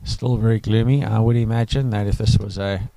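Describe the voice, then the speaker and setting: Deep-voiced cricket commentator. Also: male voice, fairly even intonation, fairly quick, mellow, dry recording, rough recording. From South Africa. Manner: chatty, rambling, enthusiastic asides. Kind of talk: live sports commentary.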